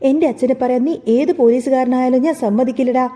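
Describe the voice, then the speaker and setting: A woman's voice: high voice, fairly even intonation, quick pace, dark tone, in a large hall, lightly acted. A woman voicing a hot-tempered young man in a storybook narration, talking in an angry, defiant way.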